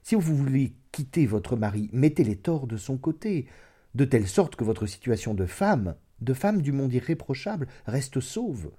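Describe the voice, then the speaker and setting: A man's voice: mid-range voice, very animated, moderate pace, mellow, breathy edge, voice pushed up. A man voicing an urgent, earnest young lover. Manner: urgent, persuasive, rising insistence. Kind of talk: dramatic audiobook reading.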